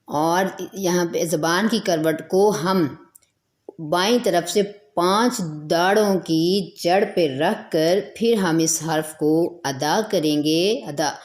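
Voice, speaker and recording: A woman teaching recitation in a patient, explanatory way, going back over each point. Her voice sits a little low for a woman. She stretches the letter sounds out long to show how they should be said. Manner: repeats points, draws out letter sounds as models.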